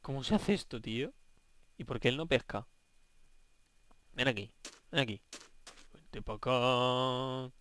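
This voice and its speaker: A young man with a Spain Spanish accent, giving let's play commentary, excitable and swearing while bantering with game characters. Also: medium pitch, normal speed, long pauses. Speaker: gaming video host.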